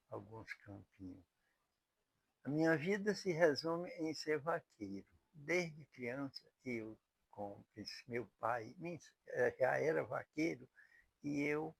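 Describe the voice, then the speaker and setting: Gravelly old man from Piauí. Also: mid-range voice, no echo, poor audio. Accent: Northeastern Brazilian, Piauí. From Piauí, Brazil. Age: 80s. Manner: unhurried, with restarts and rural turns of phrase. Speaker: cowboy telling his life story. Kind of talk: slow spoken self-portrait.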